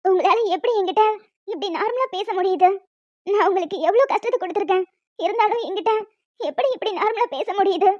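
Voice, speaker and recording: A woman's voice: very high voice, fast, a little mellow. A woman voicing a remorseful, jealous young woman who talks in an earnest, pleading way. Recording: dull lo-fi audio with music.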